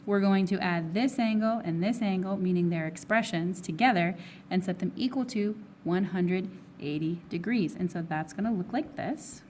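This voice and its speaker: A woman teacher losing her voice, a little hoarse and coughing now and then, talks through geometry review problems one step at a time. She keeps putting questions to her students and answering them herself, at an ordinary pitch, with a faint hiss behind her. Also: moderate pace, a little mellow. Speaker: math teacher. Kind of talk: recorded test review lesson.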